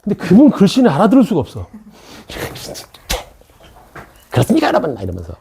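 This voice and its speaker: A man's voice: high-pitched, wildly swooping pitch, fairly quick, gravelly, warm tone, a little hiss or hum. A middle-aged man teaching math in an academy classroom, joking with students between explanations. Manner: joking, chatty asides to students. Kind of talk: casual classroom lecture.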